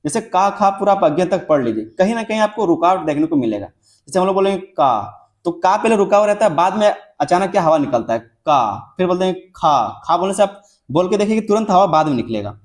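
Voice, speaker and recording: A man's voice: high voice, expressive, darkish tone. A young man teaching a lecture, repeating points and drawing out example words, often checking in with his students. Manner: repetitive, drawn-out example words with frequent checks like "theek hai". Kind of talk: classroom lecture.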